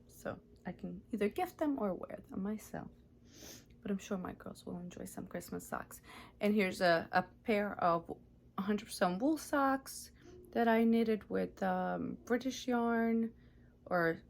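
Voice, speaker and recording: Slow, gravelly-voiced woman from Ukraine. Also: mid-range voice, darkish tone, a little hiss or hum. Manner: chatty, self-correcting, often unsure of details. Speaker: knitting podcast host. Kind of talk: casual show-and-tell vlog.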